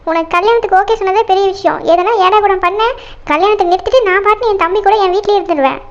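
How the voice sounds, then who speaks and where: A fiery young cartoon bride, voiced by a woman, very high-pitched and rattling off sharp retorts at speed. The sound is dull and lo-fi. She scolds rather than chats. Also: fast talker. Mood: scolding.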